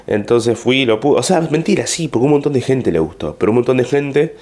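A man's voice: medium pitch, a little fast. A man with an Argentine accent, a comedian telling a story to camera in a casual, rambling way with plenty of fillers. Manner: rambling, animated retelling with frequent fillers.

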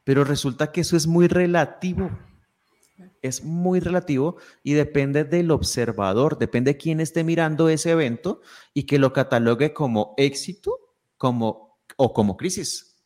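A man's voice: on the high side, moderate pace, a little mellow. A man speaking as a guest in a podcast conversation, explaining ideas reflectively with frequent restarts.

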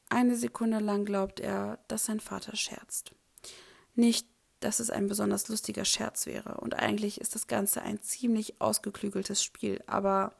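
A woman narrating a fan fiction story in a soft, quiet reading voice. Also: medium pitch, creaky, slightly rough. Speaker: audiobook reader.

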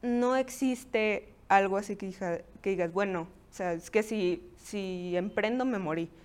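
A woman's voice: mid-range voice, a little slow, clean tone. A woman, a guest entrepreneur in a podcast interview, speaking casually and filling her speech with "o sea". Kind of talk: conversational interview.

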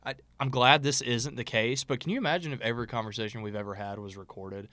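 A man's voice: mid-range voice, steady tone, quick pace, sharp tone, no room sound. A man co-hosting a podcast in casual chat, loose and chatty, swearing freely and trailing off into restarts. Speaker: podcast co-host.

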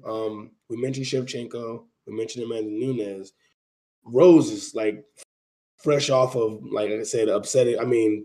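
Mellow-voiced man hosting a sports panel. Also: medium pitch. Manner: halting, repeats and restarts phrases. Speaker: panel host. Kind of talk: casual sports panel discussion of MMA.

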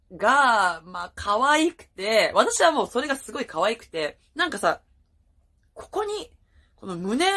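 A young woman chatting casually as a fan vlogger, gushing about idols with many fillers. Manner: chatty, gushing, lively rises in pitch. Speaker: idol fan YouTuber. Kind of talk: casual fan talk, reaction vlog.

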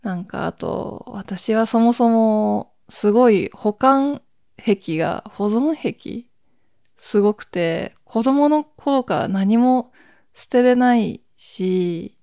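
Late at night at home, a podcast host in her forties talks solo in a loose, wandering way, chuckling at herself and speaking quietly. Her voice sits a little high and is expressive, slow and mellow, captured at studio quality without any echo.

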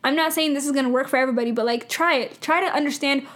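A young woman hosts a casual podcast, talking quickly in a high voice. She is animated and slips into acted-out voices when quoting people. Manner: animated, acts out voices in quotes. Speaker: podcast host.

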